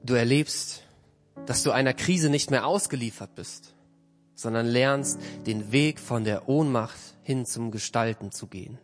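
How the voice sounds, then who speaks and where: A man delivers a sermon with earnest, measured phrasing, often letting his sentences sink into a softer close. His voice sits at an ordinary middle pitch. Quiet music plays faintly behind him. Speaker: preacher.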